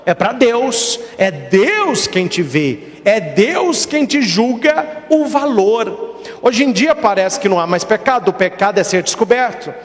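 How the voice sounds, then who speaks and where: High-voiced Brazilian priest preaching emphatically. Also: male voice, expressive, unhurried, in a large hall. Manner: emphatic preaching, acts out quoted voices in short stories. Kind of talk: sermon.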